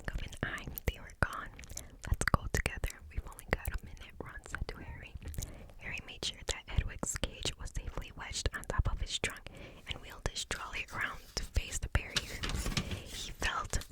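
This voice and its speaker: A woman's voice: moderate pace, low-quality recording. A woman reading a story aloud in an ASMR whisper, barely audible and unvoiced, with tingly mouth sounds.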